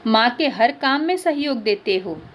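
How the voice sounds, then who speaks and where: A woman's voice: on the high side, lively intonation, a little slow, slight background noise. A woman teacher voicing a kind father reassuring his son.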